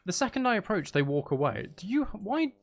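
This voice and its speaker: A gaming streamer with a high-pitched voice, big pitch swings, and vocal fry talks at a fairly quick clip. He offers casual live commentary on his game, musing aloud and muttering with mild frustration, backed by music.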